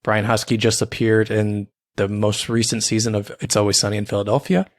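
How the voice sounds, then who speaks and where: A man's voice: on the low side, steady tone, a little fast. A young man co-hosting a podcast, easygoing and rambling, often restarting his words. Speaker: podcast co-host. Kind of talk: casual chat.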